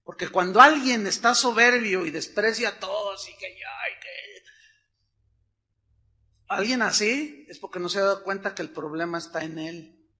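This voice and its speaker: A man's voice: sits high, moderate pace, bright, forceful tone. A middle-aged man with a Mexican Spanish accent, preaching a sermon as a pastor in a conversational storytelling way, acting out the voices of other people.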